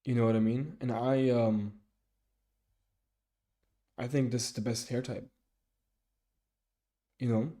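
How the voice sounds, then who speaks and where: A young Swedish streamer chats casually with his live audience, reading out viewer comments one at a time. His mellow, dark voice stays at an ordinary pitch with little movement, and he halts and restarts often, plugging gaps with "um" and "like."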